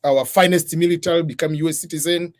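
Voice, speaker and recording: A man's voice: a little high, steady tone, fast talker. A middle-aged man from Tanzania, a guest in an interview, explaining methodically in numbered points. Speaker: guest, scholarship advisor.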